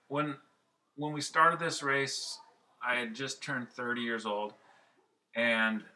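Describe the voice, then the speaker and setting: Man, 50s, podcast co-host; sharp, bright tone, rambling, excitable. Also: mid-range voice. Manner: rambling, excitable, loud when enthused. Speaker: podcast co-host and race organizer. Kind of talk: casual podcast chat.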